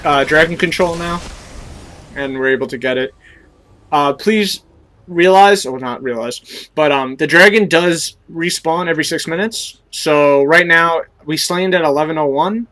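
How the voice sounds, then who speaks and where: With a fairly high, bright and forceful voice at a moderate pace, the young commentator talks through his own game while coaching viewers. A cold has given him a stuffy nose and sore throat, and his casual explanations are packed with fillers.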